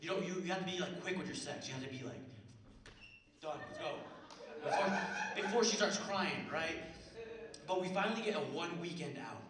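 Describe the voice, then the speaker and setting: On a small theater stage before a live audience, a young man of Mexican heritage performs a stand-up set, his fairly high voice expressive and a little fast. He talks loosely and profanely, packing in fillers and slang. A distant mic gives the recording a roomy theater sound, and the crowd can be heard.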